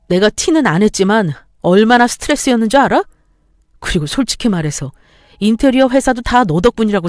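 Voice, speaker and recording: A woman voicing a cheating, resentful husband who shouts and sneers, in a story-radio reading. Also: mid-range voice, dry recording, studio quality, natural voice.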